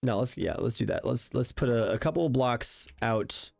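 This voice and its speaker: A young man with a medium-pitched, gravelly, slightly mellow voice streams a block-building game and thinks out loud, his intonation lively and his pace moderate. He chats casually, uses plenty of fillers, and answers viewers while he plays. Faint background music sits under his voice.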